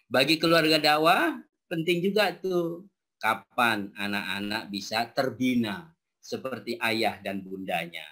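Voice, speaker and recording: A man's voice: medium pitch, pushed and bright. A man in his forties giving a religious parenting lecture to an audience of teachers, talking to them directly and dotting his points with "ya" and "nah". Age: 40s. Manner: addresses audience directly with frequent rhetorical "ya" and "nah". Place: talk before a live audience.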